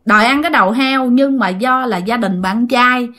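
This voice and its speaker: Woman telling a ghost story, chatty, bright voice a bit high. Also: normal speed. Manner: chatty, addresses listeners directly.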